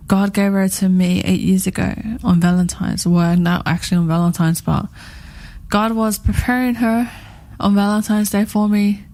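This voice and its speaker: A woman in her thirties co-hosts a radio chat show, rambling in a heartfelt way and often repeating herself. Her mid-range voice is a little mellow.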